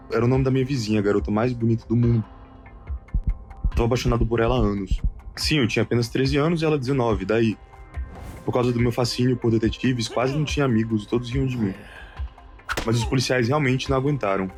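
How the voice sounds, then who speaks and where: Male narrator, lowish voice, wry conversational read of an animated story, light music under. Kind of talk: scripted first-person story narration.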